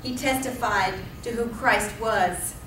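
A woman pastor in her thirties preaches slowly in a fairly high, fairly bright voice, telling the story with emphatic repetition. She is in a church sanctuary, recorded by a pulpit mic at a distance, giving roomy off-mic sound and slight background noise.

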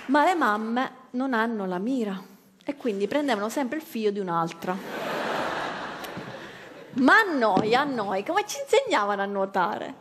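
A woman's voice: a little high, big pitch swings, unhurried, a crowd in the background, noisy background. A woman comedian, telling an ironic stand-up story. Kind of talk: stand-up monologue.

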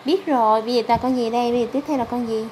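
A high-pitched woman with a southern Vietnamese accent reads to a toddler as a mother would. She asks simple questions and confirms each answer encouragingly. It is a slightly noisy home phone recording. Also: racing, dark tone. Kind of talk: reading an animal picture book to a toddler, quizzing. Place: hard-tiled room at home. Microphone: handheld phone camera.

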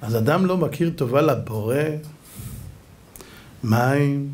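A man giving a fiery sermon as a rabbi, dramatic, swinging between shouting and hushed asides, with an Israeli Hebrew accent. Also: mid-range voice, animated.

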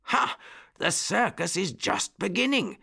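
A man voicing an elderly, cheerful rabbit gentleman in a storybook who speaks eagerly and keeps exclaiming. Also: medium pitch, measured pace, exaggerated voice. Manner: excitable, exclaiming.

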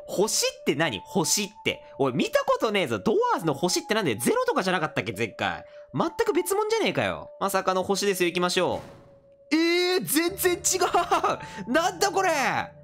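A man with a hosting a solo let's-play, excitable and reacting loudly to the game. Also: sits high. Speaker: gaming video host.

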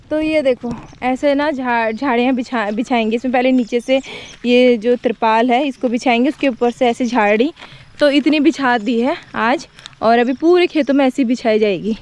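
A woman's voice: fairly high pitch, a little mellow. A young woman walking through farm fields, chatting casually to viewers on a phone camera and pointing out the crops. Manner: chatty, shows things to viewers. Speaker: vlogger. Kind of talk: casual farm vlog narration.

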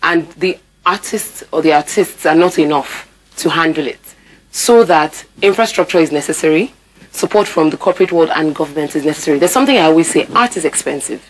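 Her voice is deep and her pace brisk as she talks through a lapel mic in an indoor TV studio, and the recording is rough. She's a woman in her thirties with a Nigerian accent, an actor and theatre producer appearing as a guest in a broadcast interview, pressing her points by repeating words emphatically.

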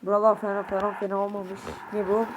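A man, a gaming youtuber, a bit sick, giving casual gameplay commentary and shouting at his players. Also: high-pitched, fast. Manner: excitable, shouts at players, mutters curses. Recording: noisy home recording.

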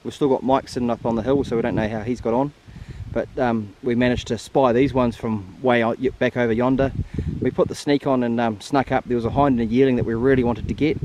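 A man's voice: medium pitch, steady tone, quick pace, warm tone, rough recording. A man with a broad New Zealand accent chatting casually as a hunting guide in an outdoor vlog, with laid-back slang. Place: open farm hillside outdoors at night. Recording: windy outdoor action-camera audio, heavy noise.

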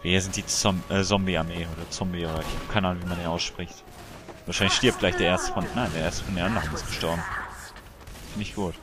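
A man giving casual let's play commentary, excitable and chatty as he banters with other players. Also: low voice, fast talker.

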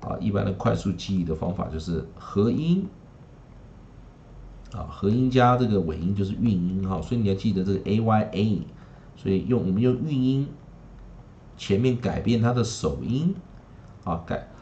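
A man teaching English phonics in Taiwanese-accented Mandarin, with chatty asides and drilling each word slowly three times. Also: fairly low pitch, lively intonation, mellow, slight background noise. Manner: chatty asides with tag particles. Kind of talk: recorded phonics lesson. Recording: slightly dull lo-fi recording.

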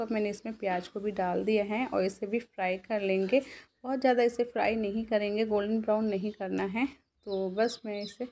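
A woman talks viewers through a home recipe in a steady, level voice that barely rises or falls. Her pitch sits in an ordinary middle range, and she explains each step plainly as she cooks. It sounds like a simple phone recording from a home kitchen. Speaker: cooking channel host. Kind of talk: casual cooking voice-over.

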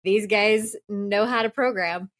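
A woman's voice: medium pitch, measured pace. A woman co-hosting a tech podcast, chatty and laughing as she sets up the topic. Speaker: podcast co-host. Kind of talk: casual tech chat.

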